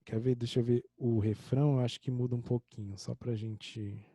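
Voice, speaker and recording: Dark-voiced Brazilian male music teacher. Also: mid-range voice, fairly even intonation, moderate pace, slightly rough, no echo, clean studio sound. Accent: Brazilian Portuguese. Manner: explains step by step, sings short examples. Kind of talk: online music theory lesson.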